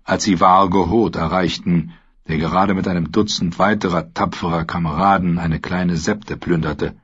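A man narrating a fantasy audiobook in a measured, dramatic reading. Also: sits low, a bit bright, husky, dull audio.

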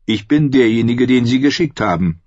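A man voicing a calm, terse young fighter. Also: medium pitch, moderate pace, no room sound, pitched above the performer's own voice, natural voice. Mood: terse steady. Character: young, earnest, steady male sworn brother. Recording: muffled lo-fi recording.

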